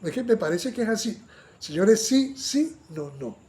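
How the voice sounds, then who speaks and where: At a measured pace and with a voice that sits high, a man teaches an animated Bible study sermon, repeatedly asking listeners to agree and acting out quoted lines in a raised voice.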